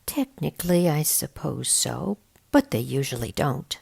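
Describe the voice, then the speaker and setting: A woman's voice: low voice, big pitch swings, a little slow, vocal fry, darkish tone, husky, exaggerated voice. A woman voicing a cheerful, matter-of-fact female guide, Spider-Woman, in a storybook reading.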